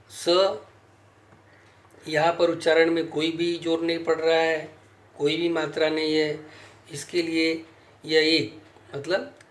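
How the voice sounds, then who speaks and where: A man teaching a class lesson, speaking slowly and spelling out sounds and counting syllables aloud. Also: on the high side, roomy sound. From India. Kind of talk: slow classroom lecture.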